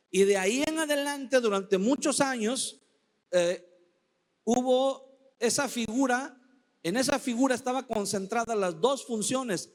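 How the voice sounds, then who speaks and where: A man preaching a sermon as pastor, slow and emphatic, acting out desperate cries for help in his quotes. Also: sits high, long reverb tail. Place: church sanctuary.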